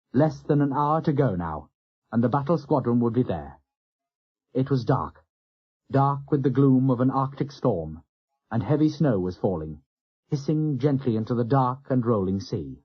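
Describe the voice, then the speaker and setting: A man narrating a war novel as an audiobook in a measured, dramatic way. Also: mid-range voice, very animated, slightly rough. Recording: dull lo-fi audio.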